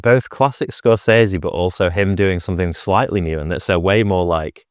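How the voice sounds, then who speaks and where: Male podcast host, deep resonant voice, dry close mic, loose rambling film chat. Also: moderate pace, no room sound. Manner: rambling, many fillers and restarts.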